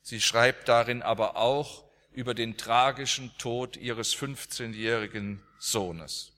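A male preacher tells a story from the pulpit at an unhurried pace, with emphatic swings. His voice is bright and forceful, and a long church reverb hangs after each phrase. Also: medium pitch. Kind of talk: sermon.

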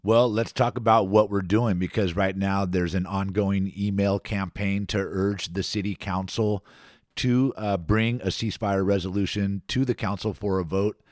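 A man with a fairly low voice hosts a community radio interview. He talks in a relaxed, conversational way, pausing on fillers. The sound is dry and close. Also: no room sound. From Antioch area, Contra Costa County. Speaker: radio show host.

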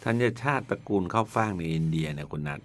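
A middle-aged male lecturer hosting an educational radio talk, giving facts in short measured phrases. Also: rumbling low. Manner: measured, reads facts in short phrases ending with a soft particle. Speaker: host, university lecturer. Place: radio studio. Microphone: studio microphone.

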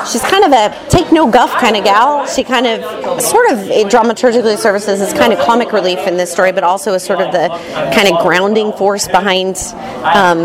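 A stage actor from Montana answering interview questions, with a hesitant manner and many fillers. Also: female voice, medium pitch. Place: theater lobby. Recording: crowd chatter behind.

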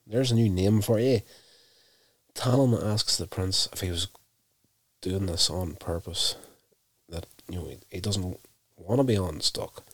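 A man casually recapping a TV episode, telling it in an unhurried, self-correcting way. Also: low-pitched, slightly rough, no room sound.

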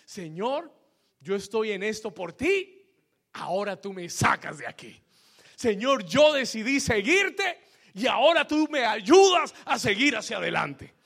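A male pastor preaching a fervent sermon, swelling to shouts and calling the congregation for amens. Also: high-pitched, big pitch swings, unhurried, vocal fry, husky.

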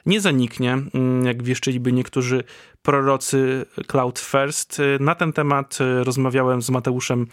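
Male podcast host, medium voice, calm and conversational, dry sound. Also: medium pitch, no room sound. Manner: measured, conversational questioning. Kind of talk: podcast interview.

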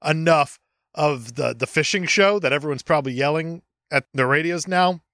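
A man co-hosting a podcast, chatting casually about a movie in an animated, jokey way with some swearing. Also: on the high side, normal speed, dry recording, studio quality. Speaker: podcast co-host.

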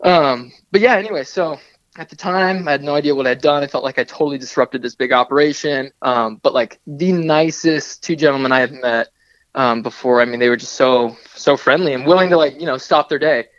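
A man's voice: mid-range voice, fairly quick, a bit bright, no echo, muffled recording. A young man from the Pacific Northwest, a documentary photographer, telling a long rambling story as a guest in a casual radio interview. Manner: rambling, chatty storyteller full of restarts and asides.

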